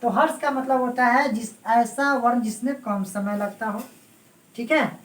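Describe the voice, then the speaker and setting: A woman teaches Hindi grammar in an exam-prep classroom lecture, repeating her points, checking often that students are following, and addressing them fondly. Her voice is on the high side and unhurried. She's far from the mic, and the room echoes.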